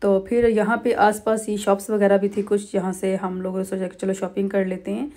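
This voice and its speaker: A middle-aged woman from Pakistan, whose voice is in the mid range, narrates clips from her family holiday for her vlog. She rambles in a relaxed manner, with many pauses and fillers.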